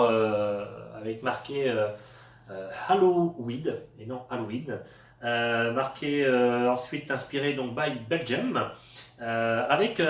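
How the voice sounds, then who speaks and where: A man from France reviewing cheap store products in a casual, hesitant way, with lots of fillers. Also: medium pitch. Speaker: product tester. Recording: echoey room, voice a bit far from the mic.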